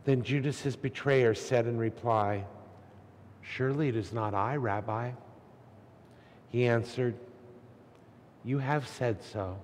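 A man's voice: mid-range voice, slow, pauses often, a little mellow, slight background noise. A man solemnly reading the Gospel as a clergyman at Mass, his voice carrying a cathedral echo in a large church. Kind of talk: solemn liturgical scripture reading. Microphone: lectern microphone.

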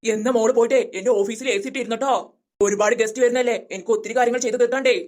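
A voice actor playing a kindly older woman school principal in a cartoon, fond and brisk with the children. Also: medium pitch, steady tone, darkish tone, close to an everyday voice. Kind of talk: cartoon voice acting.

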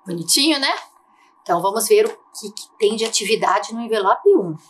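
A Brazilian woman teaching a lesson to young children, drawing out key words slowly in a sing-song way. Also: medium pitch, lively intonation, slight background noise. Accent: Brazilian Portuguese. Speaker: primary school teacher.

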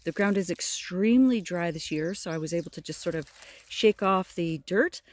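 Filming on a phone at arm's length, a middle-aged forager gives a relaxed how-to talk through the spring woodland by a river on her land, birds singing behind her. Her voice is on the low side, and there is no room sound. She explains gently, admiringly and unhurriedly.

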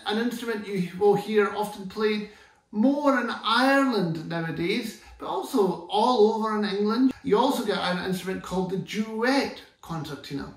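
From Scotland and in his fifties, a concertina teacher seated on his living room sofa explains the instrument in a relaxed, enthusiastic, chatty way, frequently restarting his sentences. His voice sits high, and the echoey room is heard from a distance.

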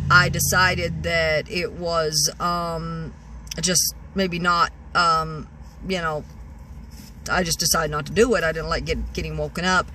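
A woman in her sixties with a lowish voice tells a rambling story from her parked car, filmed on a phone held at arm's length. She's a vlogger doing casual storytelling, full of restarts, fillers and "you know"s, over a noisy background.

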